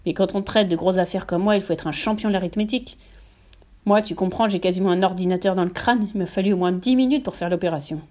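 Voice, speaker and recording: Lady reading as a smug bully dad who shouts and brags, storybook style. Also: medium pitch, fast talker, close to an everyday voice. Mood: smug, bragging. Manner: smug bragging, then shouting and barking. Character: boastful, bullying middle-aged father, used-car dealer.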